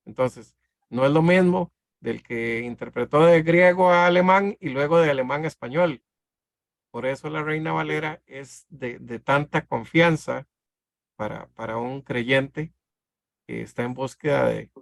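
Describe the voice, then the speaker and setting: A man with a Costa Rican accent leading a church Bible study, earnest and halting with repeated words. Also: medium pitch, vocal fry, no echo, studio quality. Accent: Costa Rican Spanish. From Costa Rica. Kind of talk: casual teaching in a church group.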